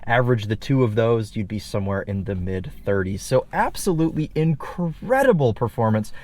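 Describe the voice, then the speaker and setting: A man in his twenties hosting a casual car review, upbeat and chatty, talking from inside a car on the highway. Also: big pitch swings, normal speed, a little mellow. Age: 20s. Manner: upbeat, enthusiastic, chatty with fillers. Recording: clear road noise behind. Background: road and car noise.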